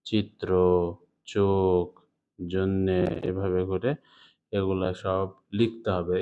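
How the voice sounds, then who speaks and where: A man's voice: sits low, smooth. A man with a Bangladeshi Bengali accent teaching a class of students through an exam suggestion lesson, explaining step by step and often checking if they follow. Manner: explains step by step, often asks "ঠিক আছে?". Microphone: writing while talking. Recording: slightly dull lo-fi sound.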